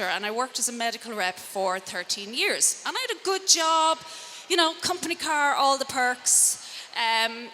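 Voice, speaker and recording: In an indoor event room, a middle-aged transformative coach and speaker from Connemara, Galway, talks motivationally and conversationally to her audience in a west of Ireland accent. Her voice is on the high side, bright and forceful, peppered with rhetorical questions and wry asides about herself. The recording is reverberant with clear background noise.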